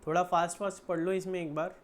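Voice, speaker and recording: A man with an Indian accent leads an introductory accounts class. He lays out each point slowly and often asks a question before giving the answer himself. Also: high voice, level tone. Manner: explains slowly in mixed Hindi and English, asks and answers own questions. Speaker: accounts teacher. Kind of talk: classroom lecture.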